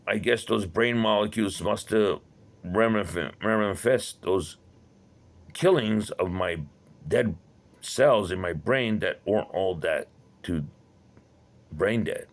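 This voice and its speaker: A man's voice: fairly low pitch, vocal fry. A man telling a personal story in a rambling, agitated monologue that often breaks off and checks in with the listener. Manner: agitated, rambling, with many restarts and "right?". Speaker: vlogger.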